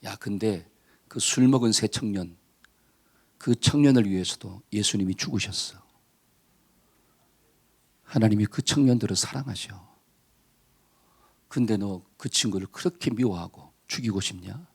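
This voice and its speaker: A man's voice: gravelly, slightly rough, exaggerated voice. Man putting on a stern, blunt dream angel. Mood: admonishing. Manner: low, slow, blunt scolding.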